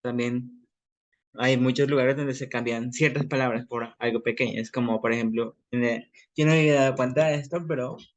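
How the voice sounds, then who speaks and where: A man's voice: mid-range voice, fairly even intonation, a little fast. A man with an Ecuadorian accent giving a class presentation, explaining informally with everyday examples. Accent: Ecuadorian Spanish.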